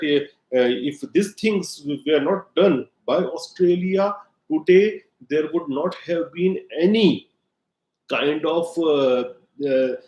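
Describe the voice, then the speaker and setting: A native Hindi speaker with an Indian accent delivers a solo monologue of blunt, emphatic political commentary, peppered with "uh". His voice is high-pitched with a darkish tone, in an echoey room on a rough recording.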